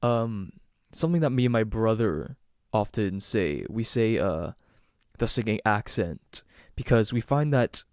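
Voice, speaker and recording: Hosting a casual solo podcast, a young Toronto-area man from Southern Ontario rambles, restarting often and saying "um" a lot. He speaks low, expressive and unhurried with a darkish tone, in clean studio sound with no room noise.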